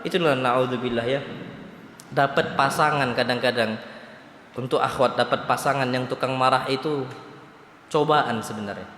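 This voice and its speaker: A man's voice: medium pitch, normal speed, pauses often, fairly bright tone, slight background noise. A man preaching a sermon in a large mosque with a Palembang-region Indonesian accent, asking his audience questions and answering them himself, and quoting Arabic before translating it. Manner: quotes Arabic then translates. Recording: echoey mosque hall.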